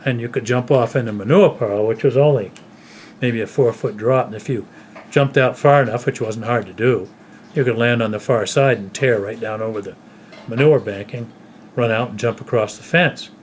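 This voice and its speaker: An older man at home casually telling stories from his childhood, unhurried and rambling, often trailing off softly at the end of a phrase. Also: mid-range voice, a little hiss or hum. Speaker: storyteller recalling his childhood.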